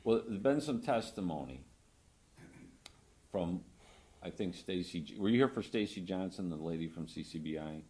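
A man questioning a witness in court as a lawyer, conversational, phrasing things haltingly and seeking confirmation. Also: deep voice, animated, a little mellow.

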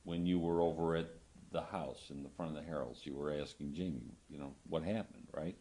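A man questioning a witness in court as a lawyer, conversational, phrasing things haltingly and seeking confirmation. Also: very deep voice, fairly even intonation, dark tone.

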